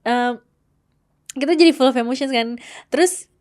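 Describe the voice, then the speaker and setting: A woman's voice: high voice, moderate pace, darkish tone. A woman, co-hosting a casual relationship talk and mixing in English phrases. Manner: mixes English phrases, laughs often. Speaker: relationship coach co-host. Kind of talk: casual conversation.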